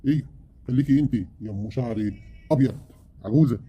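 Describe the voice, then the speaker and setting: A man's voice: mid-range voice, fairly quick, highs cut off, slight background noise, close to an everyday voice. A man with an Egyptian accent voicing a scheming middle-aged husband who defends himself and trades insults with his wife. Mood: insulting. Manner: defensive, wheedling.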